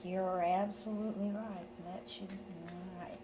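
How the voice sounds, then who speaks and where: A woman's voice: fairly low pitch, steady tone, a little slow, reverberant. American lady doing an oral history interview at a house, bit of noise on the tape. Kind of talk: interview with short prompts and acknowledgements. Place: in a room at home. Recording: home recording with faint noise.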